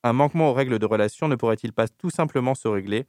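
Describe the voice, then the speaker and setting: A man reading a critical, argumentative column on a radio show in a measured way. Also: medium pitch, a little mellow, no room sound, clean studio sound. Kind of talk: read political radio commentary.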